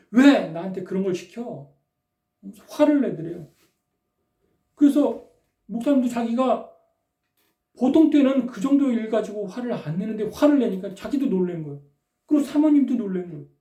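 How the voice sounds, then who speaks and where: A woman preacher delivering a sermon, prodding her listeners with quick rhetorical questions. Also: on the low side, dark tone. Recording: roomy echo, distant from the mic.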